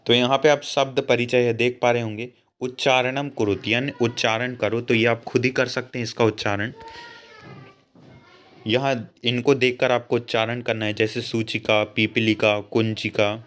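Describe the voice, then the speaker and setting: A young man, explaining a school lesson patiently and slowly. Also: medium pitch, level tone, a bit bright. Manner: slow, patient explanation with frequent asides to students. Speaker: teacher.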